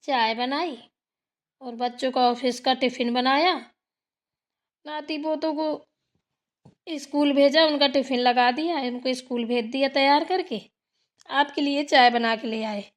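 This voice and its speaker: A woman's voice: high-pitched, steady tone, unhurried, long pauses. Woman doing a meek dutiful daughter-in-law. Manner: meek, respectful, explanatory. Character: dutiful soft-spoken elder daughter-in-law.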